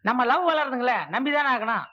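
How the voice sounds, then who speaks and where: A man's voice: extremely high pitch, fairly quick. An actor playing a cheeky, teasing young man courting a girl in an old film comedy. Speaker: music student in love. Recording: dull noisy old film soundtrack.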